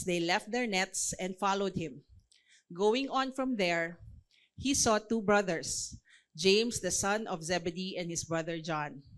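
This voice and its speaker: A woman's voice: on the low side, a bit bright. A woman with a Filipino accent preaching a Bible sermon, mixing Tagalog and English and pressing her points with rhetorical questions.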